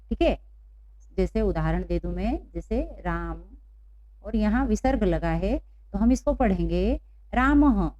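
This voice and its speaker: A woman's voice: medium pitch, dark tone, no echo. Patient woman teaching a children's class. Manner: patient, asks and repeats questions. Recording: dull, dry lo-fi recording.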